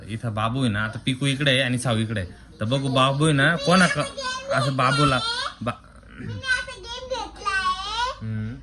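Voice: mid-range voice, a little slow, long pauses. An adult family vlog host giving casual, cheerful play-by-play of a children's game and coaxing the players, often repeating short phrases. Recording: loud background noise.

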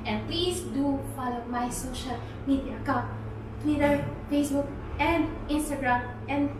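A woman's voice: sits high, steady tone, measured pace. A Filipino woman hosting a casual mukbang vlog, chatty and giggly, mixing English and Tagalog at a dinner table with friends. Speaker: vlog host. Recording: very echoey room, distant mic, background noise.

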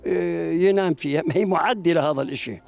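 A gravelly man near ninety recalls old village customs, talking quickly and in a fairly high register. He speaks into a handheld mic in an outdoor garden, with faint music underneath. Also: a little mellow. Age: 80s. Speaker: elderly local resident. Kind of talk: reminiscing in an outdoor interview. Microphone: handheld mic held by interviewer.

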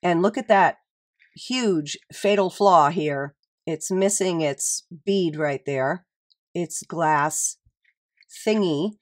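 A woman's voice: on the low side, slow. A middle-aged woman with a slightly stuffy, nasal voice, hosting a casual show-and-tell in a chatty, appreciative way and musing aloud.

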